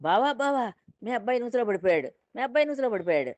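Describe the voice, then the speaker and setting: A woman voicing a male poet who raises a loud, urgent false alarm in a told folk tale. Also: a little high, big pitch swings, racing, dry recording, muffled recording, pitched above the performer's own voice. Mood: alarmed shouting.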